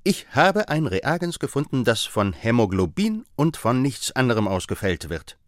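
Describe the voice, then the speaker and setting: A man reading an audiobook, voicing an eager, brilliant young male chemist who talks in quick, excited bursts. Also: medium pitch, dry recording, studio quality, close to an everyday voice. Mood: ecstatic. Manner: excitable, rapid and exclaiming. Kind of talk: audiobook character voice.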